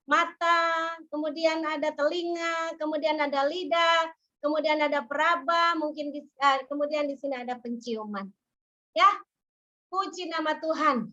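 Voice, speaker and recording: A woman preaching a sermon, telling personal stories in a lively way and acting out quoted voices. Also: high voice, dull audio. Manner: lively storytelling, acts out quotes.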